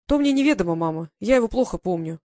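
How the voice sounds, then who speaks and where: A woman reading an audiobook, voicing a calm young male guard sergeant reassuring his mother in a steady way. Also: mid-range voice, quick pace, close to an everyday voice.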